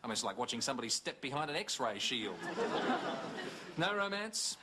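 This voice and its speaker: A man's voice: medium pitch, very animated, normal speed, a crowd in the background, close to an everyday voice. An actor playing a teasing, fussing father in a sitcom. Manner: wry, teasing. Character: joking, fussing suburban dad. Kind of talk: sitcom acting. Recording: sitcom audio with laugh track and hiss.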